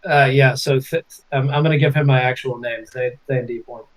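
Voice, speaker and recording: A man playing a tabletop game, talking casually and haltingly as he speaks for his character. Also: medium pitch, fairly even intonation, low-quality recording.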